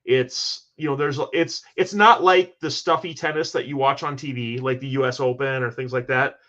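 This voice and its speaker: A man's voice: mid-range voice, steady tone, normal speed, sharp tone, lo-fi sound. A man hosting a casual sports podcast, talking in an enthusiastic, rambling way with many restarts as he recaps match scores. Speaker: host.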